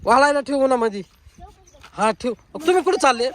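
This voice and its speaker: A woman in a village comedy sketch, scolding loudly and repeating her orders outdoors. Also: high-pitched, animated, a little fast. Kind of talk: loud scolding rural chatter.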